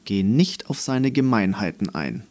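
A man voicing a grumpy, gruff male not-unicorn creature who grumbles curt replies in a storybook. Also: lowish voice, animated, measured pace, darkish tone.

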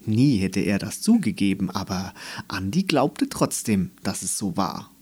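Male narrator, storybook reading, slow and husky, lively pitch.

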